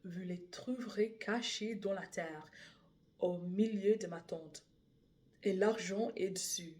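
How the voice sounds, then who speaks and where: A woman's voice: mid-range voice, slow, a little mellow, close to an everyday voice. A woman reading the part of a guilty man who confesses a theft, hesitant and correcting herself. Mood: confessing.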